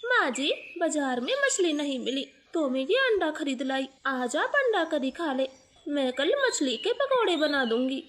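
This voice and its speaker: A woman's voice: high voice, very animated, a little slow, a bit bright, a little hiss or hum, full character voice. A woman voicing a poor, humble crow maid and mother in a cartoon, speaking in a deferential way. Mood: apologetic.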